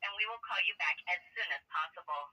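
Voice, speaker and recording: Woman, recorded phone menu greeting; bright, slightly husky read, measured pace, heard through a phone held away from the mic. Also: fairly low pitch. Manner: slow, measured announcer delivery. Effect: recorded phone menu message. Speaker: automated phone line greeting. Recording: phone line on speaker, far from mic.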